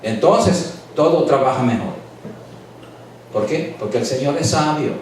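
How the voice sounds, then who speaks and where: A man's voice: fairly high pitch, expressive, unhurried, darkish tone, slight background noise. A man pastor preaching a sermon with emphatic, repeated phrases, recorded in a church. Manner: preaching with rising emphatic repetition. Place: church sanctuary. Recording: echoey church hall picked up from a distance.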